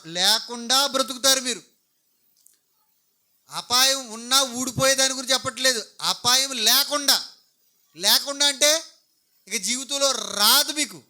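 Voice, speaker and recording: A man's voice: high voice, bright, forceful tone. A middle-aged man preaching a sermon, posing questions to the congregation and answering them himself. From Andhra Pradesh. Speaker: pastor.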